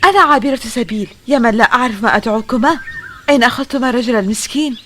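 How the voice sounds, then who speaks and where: A woman's voice: on the high side, racing, sharp tone, a little hiss or hum. A woman in her twenties playing a puzzled modern young woman lost among ancient Romans in an audio drama. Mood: bewildered. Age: 20s. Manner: puzzled, questioning.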